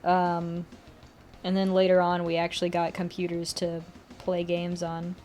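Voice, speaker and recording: A woman's voice: on the low side, monotone, measured pace, darkish tone, soft background music. A young woman streamer chatting casually while drawing, rambling and correcting herself, often laughing.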